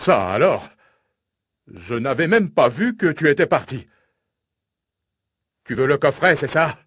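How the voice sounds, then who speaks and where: A man voicing a greedy old king who is loud, high and demanding. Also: sing-song, a little slow, slightly rough, no echo, exaggerated voice. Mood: indignant. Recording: tinny phone-like sound, faint music.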